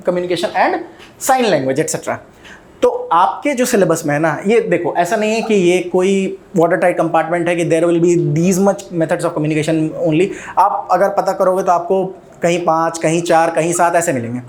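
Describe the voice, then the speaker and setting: A man's voice: high-pitched, darkish tone. Hindi-English mixing Indian male teacher. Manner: explains in Hindi mixed with English, checks in with "ठीक है?". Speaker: coaching teacher. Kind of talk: recorded video lecture.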